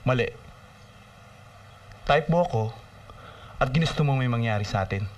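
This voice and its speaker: Actor as a smug estranged father, lively pitch, distant film sound. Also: normal speed, a little hiss or hum, close to an everyday voice. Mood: defensive. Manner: smug, defensive, teasing. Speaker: father, boss. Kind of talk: film drama dialogue.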